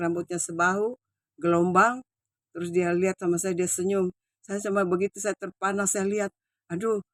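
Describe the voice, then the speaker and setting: Older woman preaching in a flat, even voice. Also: on the low side, no echo. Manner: earnest, repetitive, halting retelling with many restarts. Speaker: preacher giving testimony. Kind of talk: personal testimony sermon.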